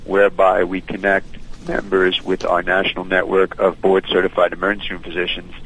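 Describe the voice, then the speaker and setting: Deep-voiced man on a landline phone. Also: monotone, fairly quick, fairly bright tone, breathy edge, poor audio. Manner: fluent, businesslike, many uh and um fillers. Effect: heard over a landline phone. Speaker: company founder and CEO, guest. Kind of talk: radio interview guest explaining his service.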